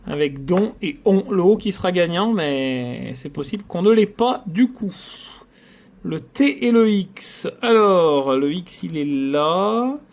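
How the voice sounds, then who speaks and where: A man's voice: high-pitched, animated, slow pace. A man hosting his own channel, chatting casually to viewers as he scratches lottery tickets and groans theatrically at every loss. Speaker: channel host.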